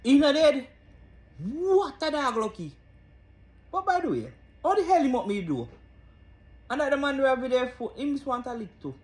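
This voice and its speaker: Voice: high voice, very animated, normal speed, long pauses, breathy edge. A speaker with a Jamaican accent giving incredulous, exclaiming reaction commentary in patois. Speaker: video reactor.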